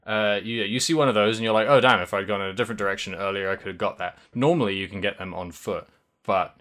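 Talking fast in a lowish, slightly bright voice, this young man co-hosts a podcast and rambles casually about a video game. Now and then he corrects himself or curses.

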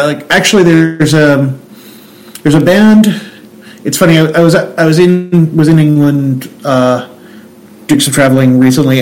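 A man's voice: fairly high pitch, slight background noise, poor audio. A young man from Central New Jersey in a casual chat, talking in a rambling way with many restarts. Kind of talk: casual conversation.

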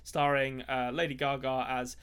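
A man's voice: mid-range voice, flat delivery, moderate pace, a bit bright, clear, resonant tone. A man co-hosting a podcast, chatting casually about movies in a rambling way with lots of fillers and dry jokes. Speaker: podcast co-host.

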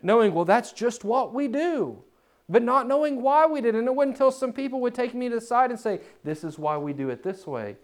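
A man preaching a sermon in a church, swinging from loud, climbing emphasis to quiet, low asides. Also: animated, a little fast.

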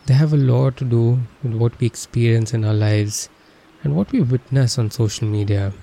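Male meditation instructor, very dark soft-edged tone, calm, soothing, unhurried guidance. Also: mid-range voice, creaky. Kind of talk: guided meditation narration.

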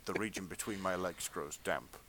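Bright-voiced man reading with mock gravity. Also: low-pitched, normal speed, poor audio. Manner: mock-earnest reading, breaking into laughter. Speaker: podcast host. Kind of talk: comedic dramatic reading of fan fiction.

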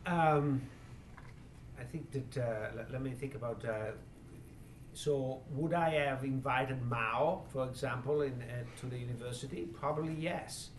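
Halting foreign-accented man, echoey and distant. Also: medium pitch. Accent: strong foreign accent. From immigrant, from abroad. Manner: halting, searching for words. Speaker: university professor, event host. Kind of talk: panel discussion, answering audience questions. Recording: echoey room, distant mic, faint noise.

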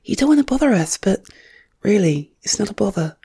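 A woman speaking in soft, hushed whispers, gently reassuring as she plays a visiting friend in an ASMR roleplay. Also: mid-range voice, sing-song, moderate pace, breathy edge. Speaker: ASMR creator.

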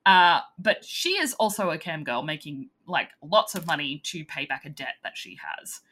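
Casual podcast co-host: woman, very animated pitch, bright voice, agreeable and quick to laugh. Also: slightly rough. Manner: lively, agreeable, laughs often. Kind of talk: casual chat.

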